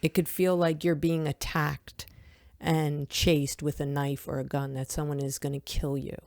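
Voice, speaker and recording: A woman's voice: low-pitched, little pitch movement, a little slow, darkish tone, no room sound, studio quality. A woman who teaches yoga, hosting a reflective podcast conversation and speaking earnestly to her listeners. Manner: earnest, addresses listeners as "my friends".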